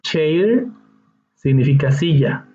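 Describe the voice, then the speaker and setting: Fairly high-pitched yet mellow, his voice is expressive and slow as he teaches an English class. He takes students through each step patiently and checks in with them, and the recording has a dull, echoey room sound.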